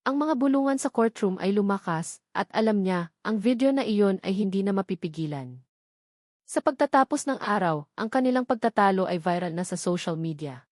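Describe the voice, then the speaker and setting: Reading a scripted romance with dramatic flair, a Filipino-accented woman uses a medium-pitched, slightly mellow voice with lively intonation at a moderate pace. It's studio quality, with no room sound.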